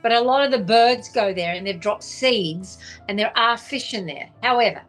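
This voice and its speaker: A woman's voice: a little high, moderate pace, a bit bright, soft background music. A woman telling a personal story in a casual, rambling way, full of restarts and fillers. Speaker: vlogger.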